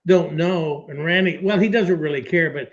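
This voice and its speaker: A man's voice: on the high side, normal speed. A man co-hosting a radio talk show, telling rambling, jokey stories. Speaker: co-host. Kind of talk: casual joking banter. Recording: dull lo-fi sound.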